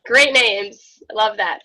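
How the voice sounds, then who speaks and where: A woman from Israel with a slightly unusual American-sounding English accent, teaching an online Hebrew class in a friendly, measured way with many fillers. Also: fairly high pitch, sharp tone, rough recording. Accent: slightly unusual American-sounding English, Israeli-born. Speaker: Hebrew instructor. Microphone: video call.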